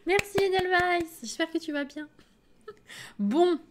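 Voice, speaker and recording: A woman streamer reacting live to a game trailer, excitable, laughing often and thinking aloud. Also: extremely high pitch, unhurried.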